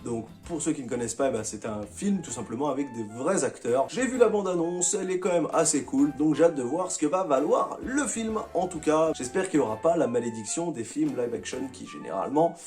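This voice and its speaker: A man's voice: fairly high pitch, expressive, fairly quick, few pauses, a little mellow, soft background music. A man talking casually and enthusiastically to his viewers as he reviews his monthly manga picks, with slangy, chatty phrasing.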